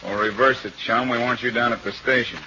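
Old crackly radio show, tough beat cop detective, suspicious, short clipped questions, muffled sound. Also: male voice, medium pitch, steady tone, fairly quick, bright, forceful tone. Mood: brusque. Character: blunt, suspicious small-town police detective, former homicide man. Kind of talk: 1940s radio crime drama acting.

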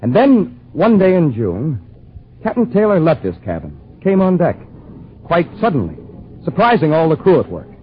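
A man's voice: on the high side, huge pitch swings, normal speed, exaggerated voice. An actor playing an earnest young sailor who narrates his voyage in old radio drama style. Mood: storytelling. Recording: muffled old radio recording, clear background noise.

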